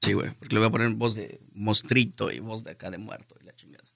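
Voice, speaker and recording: A man's voice: lowish voice, fairly even intonation, fast talker, vocal fry, fairly bright tone. A man with a Mexican Spanish accent, joking and directing others while recording radio promos.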